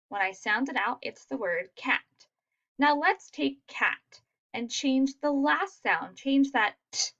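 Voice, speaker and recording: A woman teaching a phonics lesson to young children, sounding out letters slowly and praising answers. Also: a little high, a bit bright, lo-fi sound. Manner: slow, sounding out letters, encouraging.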